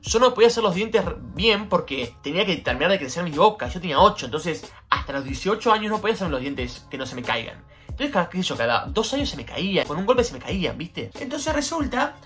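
Over soft background music, a fast-talking vlogger in his twenties with a Rioplatense Argentine Spanish accent recounts a personal anecdote at home. His casual, slangy telling is animated, with jumps in pitch throughout the story.

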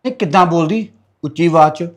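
A man acting a young husband who sides with his mother and tries to calm his wife. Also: a little high, a little fast, natural voice. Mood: placating. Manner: pleading, placating. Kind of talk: web drama acting.

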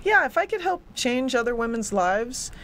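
A woman's voice: on the high side, moderate pace, a little hiss or hum. Earnest young woman guest. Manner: earnest, eager, repeats words when excited. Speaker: fitness coach and guest. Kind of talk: studio interview, casual. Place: small studio set with a city backdrop. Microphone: desk microphone on a stand.

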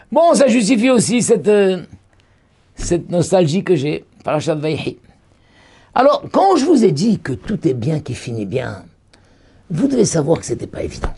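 A man, a rabbi, giving a Torah lesson as a lively storyteller who exclaims and lifts his voice when quoting people. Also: on the high side, slightly rough.

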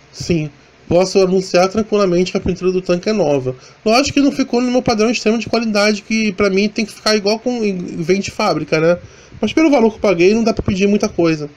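High-ish voiced guy from rio, rambly casual moto vlog voiceover, lots of restarts. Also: darkish tone. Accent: Rio de Janeiro Portuguese. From Brazil. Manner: rambling, chatty, many restarts and fillers. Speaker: motovlogger. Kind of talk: casual voice-over narration. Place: voice-over, not recorded on the ride.

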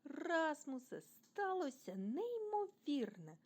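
A woman voicing a cheerful, lively little boy dinosaur in a storybook reading, bright and bouncy in delivery. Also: high-pitched. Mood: excited. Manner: bright, bouncy, slowed for emphasis.

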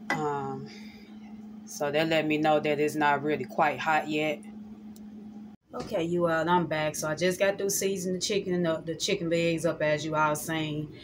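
A woman's voice: sits low, moderate pace, long pauses, music in the background. A woman, chatting casually to viewers as she cooks in her home kitchen. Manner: relaxed, chatty, addresses viewers as y'all. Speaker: cooking vlogger. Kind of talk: casual cooking vlog narration. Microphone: phone camera held close or set on counter. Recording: noisy home kitchen phone recording.

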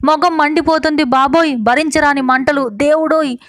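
A woman voicing a village wife who cries out loudly in a shrill lament. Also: steady tone, moderate pace, no room sound, clean studio sound, lightly acted. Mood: wailing. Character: wailing village wife with a burning face.

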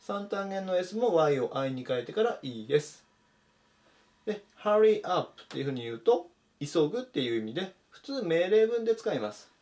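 A man's voice: fairly high pitch, a little mellow. A man teaching English vocabulary to Japanese learners, methodically explaining meanings and pointing out pronunciation.

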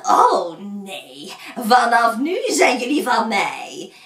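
Cackling crooked old witch, as a young woman puts her on, sly and wicked, lively swoops, drawn-out delivery, storybook reading in a roomy space from off mic. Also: medium pitch, recorded from a distance. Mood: gloating. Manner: sweet then sly, cackling.

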